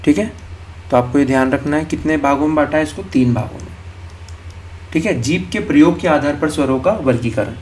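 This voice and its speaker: A man's voice: a little high, fairly quick, a little mellow, slight background noise. Patient man teaching an exam-prep lesson. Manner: explains step by step, checking in with "ठीक है" and "okay"; asks the listener questions and answers them himself.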